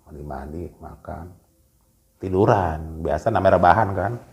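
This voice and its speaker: A man's voice: low-pitched, moderate pace. Man telling a story in slangy, restart-filled talk. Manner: lively, slangy, full of restarts and asides. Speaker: guest storyteller. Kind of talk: casual storytelling.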